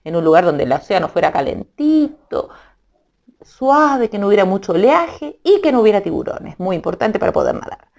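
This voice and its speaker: A woman narrating a children's storybook in an animated, playful way, adding sound effects. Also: medium pitch.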